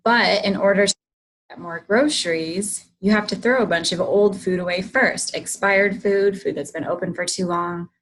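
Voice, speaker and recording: A woman hosts a casual, chatty livestream, greeting her viewers while losing her voice and clearing her throat. She has a mid-range, fairly bright voice and speaks at a normal speed. The recording quality is low.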